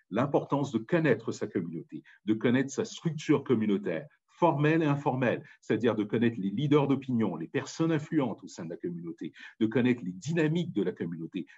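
A man's voice: lowish voice, darkish tone, slightly rough, muffled recording. A man with a Parisian accent giving an impassioned, emphatic public talk. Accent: Parisian French. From France. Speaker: speaker. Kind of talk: public talk on language and community.

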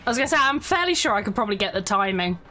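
A woman streaming a video game, talking casually as she plays, excitable and quick to swear. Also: medium pitch, slight background noise. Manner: excitable, swears and laughs often. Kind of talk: casual gameplay commentary.

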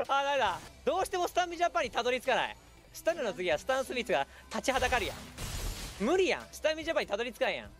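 A man giving lively live commentary while streaming a game, breaking into quick shouted reactions and laughs. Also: very high-pitched.

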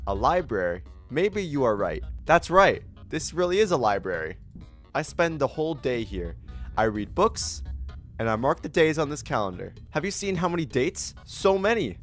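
A man's voice: mid-range voice, big pitch swings, normal speed, faint music behind, lightly acted. A man voicing a strange young man who lives in a library, reading his game lines in a giddy, singsong way.

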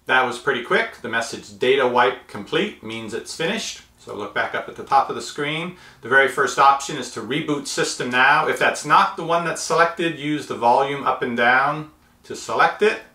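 A mid-range voice with a sharp tone and normal speed belongs to a man in his fifties who hosts a tech tutorial channel. He lays out step-by-step instructions methodically while seated at a table in a small indoor room with a roomy echo.

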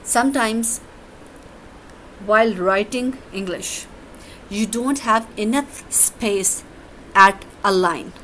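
A woman teaches grammar at a painstakingly slow pace, drawing out each word. Her pitch sits in an ordinary middle range, and faint room ambience hums behind her. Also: fairly bright tone, slight background noise, low-quality recording. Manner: slow, deliberate explanations, switching between English and Urdu. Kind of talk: classroom grammar lesson.

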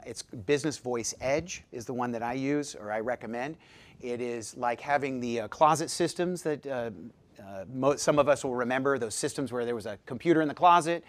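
A man giving a live seminar talk as presenter, jokey and lively, quizzing his audience with questions. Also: medium pitch. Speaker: presenter at a dental practice seminar.

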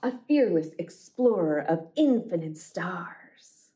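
A woman with a lowish voice shares picture books with kids at storytime, reading slowly and expressively.

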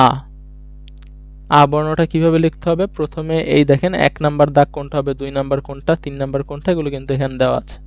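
A man's voice: a little high, a little mellow, smooth, no echo. A man teaching a beginners' language lesson online, explaining each step patiently and answering his own questions as he goes. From Bangladesh.

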